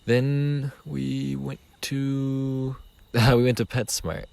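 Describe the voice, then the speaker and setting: A man's voice: medium pitch, level tone, drawn-out words, creaky, darkish tone, clean tone. A young man co-hosting a podcast, rambling through a casual story with plenty of fillers. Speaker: podcast co-host. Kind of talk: casual chat. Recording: noisy home recording.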